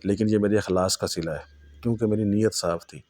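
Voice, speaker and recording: A man's voice: lowish voice, steady tone, warm tone, lightly acted. A man voicing a powerful male jinn, stern and threatening as he speaks. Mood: righteous. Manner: threatening, scornful.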